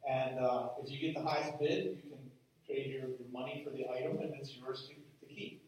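A man leading a children's moment for a church congregation, talking casually with many ums and getting lively as he runs an auction. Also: mid-range voice, moderate pace. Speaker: church leader. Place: church sanctuary. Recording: echoey hall from far off, faint noise.

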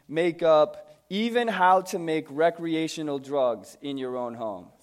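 An American man with a hoarse, strained voice, worn out from screaming, gives a conversational sermon in an informal, joking, self-deprecating manner. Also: medium pitch. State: hoarse from screaming the night before. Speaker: preacher.

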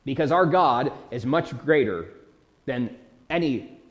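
A man preaching a sermon, reading old scripture verses and then retelling them in lively everyday words. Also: medium pitch, slow.

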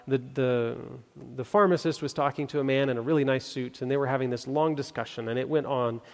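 A man preaching a sermon, reading scripture and telling a story in an earnest, building way with pauses for emphasis. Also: mid-range voice, fairly even intonation, a little mellow. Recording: long hall reverb.

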